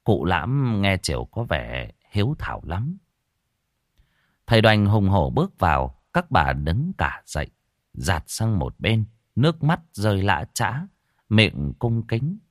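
Lively storyteller man. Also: lowish voice, slow pace, dry recording, studio quality. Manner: lively, colloquial, earthy. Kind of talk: spoken story narration.

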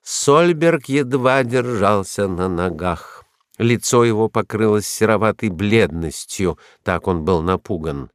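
A man's voice: fairly low pitch, expressive, unhurried, dry recording, clean studio sound. A man narrating a historical novel as an audiobook in a tense, dramatic reading style.

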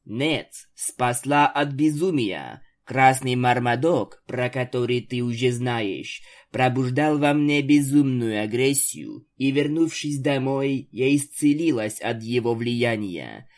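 A man's voice: mid-range voice, takes it slowly, few pauses. A man voicing a haughty elder vampire pony sister who speaks in a mocking, cold and domineering way.

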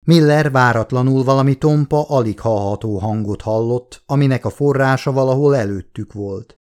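A man giving scripted audiobook narration in a steady, measured storytelling manner. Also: mid-range voice. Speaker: audiobook reader.

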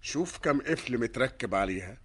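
A man's voice: medium pitch, lively intonation, brisk, a little hiss or hum, close to an everyday voice. A man playing a deferential courtier who follows custom without question, in theatrical radio drama style with an Egyptian accent.

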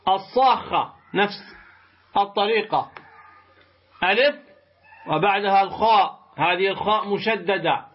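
High-voiced man teaching slowly. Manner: slow, deliberate explanation with rhetorical questions. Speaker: Quran recitation teacher. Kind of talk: tajweed lesson. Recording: muffled lo-fi recording.

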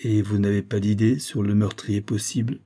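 Male reader as a shrewd storybook detective, calm, measured, kindly, dark tone. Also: lowish voice, natural voice.

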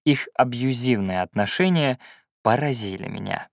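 Lively, expressive male audiobook narrator. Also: medium pitch, normal speed, dry recording, clean studio sound. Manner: expressive, storytelling. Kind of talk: first-person audiobook narration.

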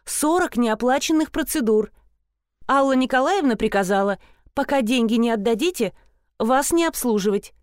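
A woman's voice: a little high, animated, normal speed, darkish tone, no room sound, clean studio sound, natural voice. A woman reading an audiobook, voicing a timid receptionist who fawns over and pleads with clients. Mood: fawning. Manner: fawning, pleading. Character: fawning, timid female salon receptionist.

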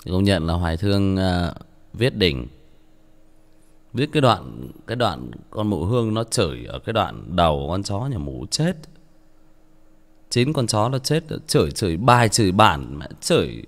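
A man's voice: deep voice, very animated, unhurried. A male audiobook narrator, tired, reading a story and then chatting casually with many restarts.

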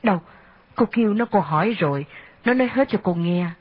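A woman reading an audiobook, voicing a humble, grieving man who speaks slowly and haltingly through tears. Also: medium pitch, expressive, lightly acted. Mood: sorrowful. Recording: dull lo-fi audio.

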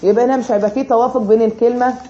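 Quick Egyptian teacher quizzing students. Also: medium pitch, fairly even intonation, dark tone, muffled recording, a little hiss or hum. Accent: Egyptian Arabic. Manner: quizzes with rhetorical questions. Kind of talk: explaining grammar lesson.

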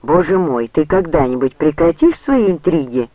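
A man's voice: fairly high pitch, big pitch swings, normal speed, no echo. A man reading an audiobook, voicing a proud, defiant young noblewoman in a cutting tone. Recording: dry, tinny phone-like sound.

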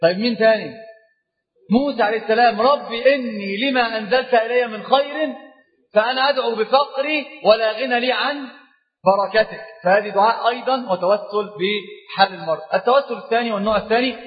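A man's voice: very high-pitched, fast. A man with an Egyptian accent teaching a religious class, questioning his students and mixing formal Arabic with colloquial asides. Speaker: Islamic scholar teaching a class. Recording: reverberant hall, dull lo-fi sound.

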